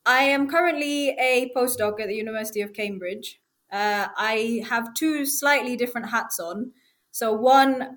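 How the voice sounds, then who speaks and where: A woman's voice: medium pitch, fairly bright tone. A woman researcher as a podcast guest, enthusiastic as she explains her work. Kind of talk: casual interview.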